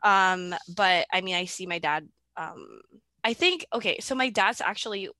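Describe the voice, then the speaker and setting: A woman's voice: medium pitch, animated, normal speed, sharp tone, no room sound. A woman in her twenties from the Philippines, a podcast guest talking casually over a video call, hesitant with many fillers and restarts, giggling between thoughts. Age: 20s.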